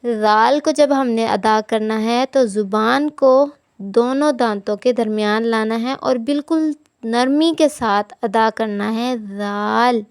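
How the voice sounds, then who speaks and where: High-voiced woman teaching slow Quran recitation. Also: clear, resonant tone, dry recording, clean studio sound. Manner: slow drawn-out recitation, then brisk explanation. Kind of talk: tajweed recitation lesson.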